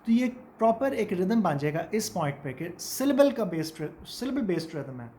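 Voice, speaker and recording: A woman teacher giving a lecture, explaining a text in Hindi-Urdu and reading English passages slowly. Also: lowish voice, big pitch swings, mellow, slight background noise. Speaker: literature teacher.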